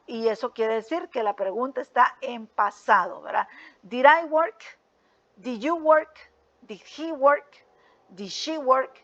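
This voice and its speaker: A woman teacher with a somewhat high voice explains grammar rules patiently, checking often that the students follow. The recording sounds dull and lo-fi. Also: a bit bright. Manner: patient, repeats with frequent "¿verdad?" and "¿ok?" checks. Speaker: English teacher. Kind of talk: explaining a lesson step by step.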